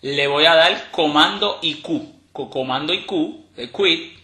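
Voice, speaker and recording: A man teaching a step-by-step tutorial in a relaxed, explanatory way, with fillers and restarts. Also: on the high side, measured pace. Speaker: instructor demonstrating a screen reader. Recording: roomy echo.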